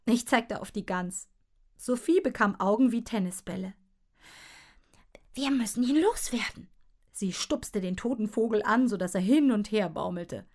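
A woman reads a children's story aloud in a lively, expressive way. She tells it in the first person, at a mid pitch. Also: normal speed. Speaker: narrator.

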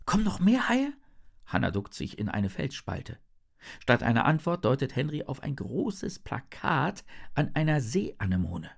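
Lively, gravelly storybook narrator man. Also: medium pitch, a little slow. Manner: lively, playful. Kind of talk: children's storybook reading.

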